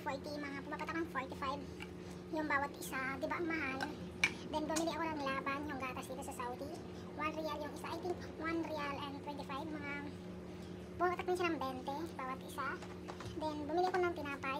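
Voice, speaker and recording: A young adult Filipino woman with a high-pitched voice and a Filipino accent chats casually in an amateur phone shopping-haul vlog, sprinkling in English words. She starts in supermarket aisles and later moves to a small room at home, with heavy background noise throughout.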